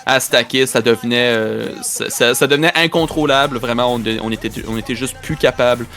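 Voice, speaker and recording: A man's voice: mid-range voice, brisk, fairly bright tone, faint music behind. A man with a Quebec French accent giving live esports match commentary, often repeating and restarting his phrases. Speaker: esports play-by-play caster.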